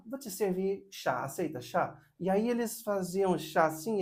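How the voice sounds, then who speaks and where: A man hosting his own video, telling a story in a casual, animated monologue. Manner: animated, with many pitch swings and acted quotes. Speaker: video host.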